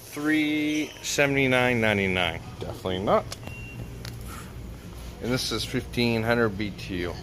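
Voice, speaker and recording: A middle-aged truck driver and vlogger narrates a casual vlog to a handheld camera in a mid-range, fairly bright voice, speaking unhurriedly with long pauses. He's chatty and upbeat, talking to viewers as he goes, and the recording is noisy.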